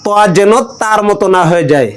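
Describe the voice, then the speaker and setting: A male Quran teacher with a high-pitched, smooth voice and lively intonation runs a call-and-response pronunciation lesson. He draws out each sound slowly so the class can repeat it.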